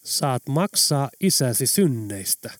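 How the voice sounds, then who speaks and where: A calm, prophetic old man of the northern wilds, speaking in measured, solemn lines, as an audiobook narrator puts him on. His delivery is grave and unhurried, recorded close and dry with no room sound. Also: fairly high pitch, dry recording, lightly acted. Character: mysterious calm older Lapland man, prophetic.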